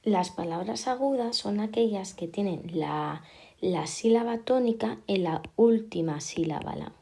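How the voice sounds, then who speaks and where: A woman teacher, patiently explaining a lesson and repeating key words slowly. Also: mid-range voice, gravelly, warm tone. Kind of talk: classroom explanation.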